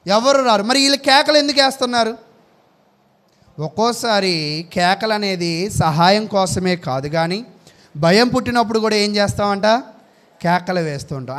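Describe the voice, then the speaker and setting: High-voiced man preaching a sermon. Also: a bit bright. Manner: asks questions and answers them himself; reads out Bible verses.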